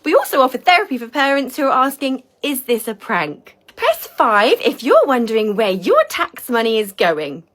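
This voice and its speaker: A woman's voice: fairly high pitch, big pitch swings, normal speed, few pauses, a bit bright. A woman performing a sarcastic automated phone menu, read in the cadence of a recorded phone message. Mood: deadpan sarcastic.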